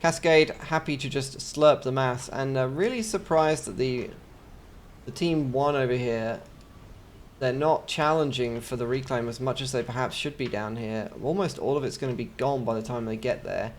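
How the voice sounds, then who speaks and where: This English caster talks through a strategy video game conversationally, slipping in humorous remarks amid the action calls. He has a mid-range voice and a moderate pace, with a little hiss or hum in the recording.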